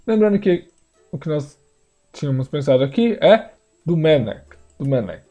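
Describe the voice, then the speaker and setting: A man, teaching pronunciation in a screen-share lesson, repeating words slowly for learners. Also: a little high, expressive, mellow, faint music behind. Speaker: language teacher.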